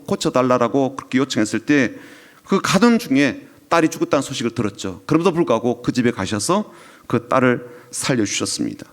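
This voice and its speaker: Emotional male pastor preaching a sermon. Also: medium pitch. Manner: emotional storytelling preaching, dropping to whispers and rising in swells.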